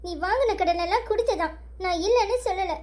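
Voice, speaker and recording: Woman voicing a cartoon young wife, pleading, apologetic, very high-pitched. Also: quick pace, a little mellow. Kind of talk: cartoon story voice acting.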